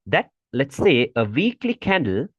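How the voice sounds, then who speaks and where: A man's voice: mid-range voice, sing-song, a little slow, slightly rough, no room sound, highs cut off. A man teaching a trading lesson over a shared screen, repeating his points and saying "okay" often, with firm warnings. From Malaysia.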